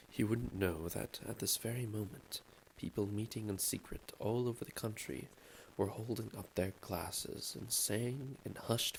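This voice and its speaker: Deep gravelly-voiced man reading an audiobook. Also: slight background noise. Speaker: audiobook reader. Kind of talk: amateur audiobook narration.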